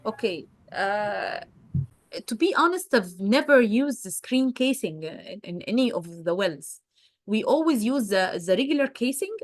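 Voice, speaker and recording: A woman's voice: a little high, dry recording, clean studio sound. A woman presenting a geology webinar, answering questions live in a hesitant way with many fillers.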